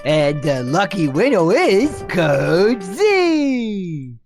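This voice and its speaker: Booming, dim cartoon colonel, swooping pitch. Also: male voice, wildly swooping pitch, very slow, gravelly, faint music behind, full character voice. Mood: showy, booming. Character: dim, excitable cartoon athlete turned self-appointed colonel, male. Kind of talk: cartoon game acting.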